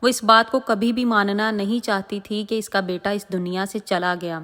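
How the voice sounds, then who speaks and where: A woman tells a moral religious story in a dramatic, emotive way. Her voice sits at a middle pitch. A long, echoing reverb trails every phrase. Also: flat delivery, fairly bright tone.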